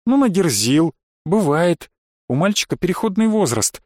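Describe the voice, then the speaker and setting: A man's voice: high voice, very animated, moderate pace, darkish tone, no echo, clean studio sound. A man voicing a scheming stepmother who talks in a sweet, sing-song, mocking way.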